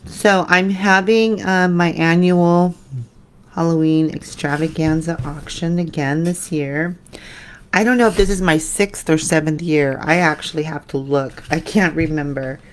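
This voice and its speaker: A woman hosting a live painting tutorial, chatting with viewers and trailing off into quiet mutters as she concentrates. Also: low-pitched, steady tone, unhurried, a little hiss or hum. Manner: chatty, answers viewer comments while painting; drifts into soft mutters when concentrating. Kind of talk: live painting demo, casual chat.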